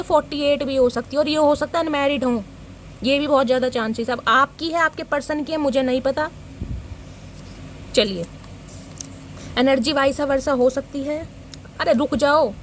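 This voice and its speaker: A woman with a high voice gives a tarot reading in a loose, talkative way. She teases and scolds her viewers with a playful edge. Faint background noise sits under her voice. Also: fairly bright tone. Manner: chatty, teasing, scolds and jokes with the viewer. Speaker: tarot reader.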